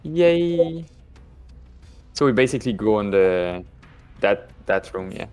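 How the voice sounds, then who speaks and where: A man's voice: on the low side, big pitch swings, slow, darkish tone, clean tone, faint music behind. A man chatting casually as a player in a tabletop roleplaying game, with non-native English phrasing.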